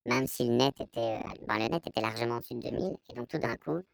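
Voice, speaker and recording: A man with a Belgian French accent giving a hesitant, explanatory testimony, his voice artificially pitched down to disguise it. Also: expressive, fast talker, gravelly, poor audio. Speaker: anonymous interviewee giving testimony. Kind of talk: personal testimony in an interview.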